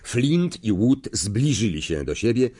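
A man reading an audiobook in a lively, expressive storytelling manner. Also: lowish voice, a little slow, breathy edge. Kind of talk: audiobook narration.

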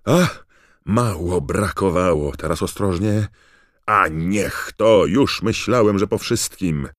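A man voicing an excitable male sports commentator, shouting high and excited in an audiobook reading. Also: takes it slowly, no echo, clean studio sound. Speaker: match commentator.

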